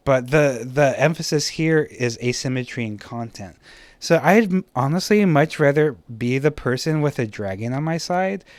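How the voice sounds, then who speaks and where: A man talks through a slideshow lesson on art composition in a relaxed, unscripted way, full of fillers and little self-deprecating asides. His voice sits at an ordinary middle pitch. The sound is dry and close, with no room echo. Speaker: teacher.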